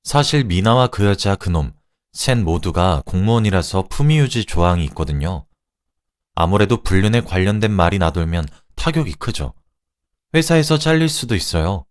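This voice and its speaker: A man reading a first-person story aloud in an expressive, conversational way. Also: sits low, moderate pace.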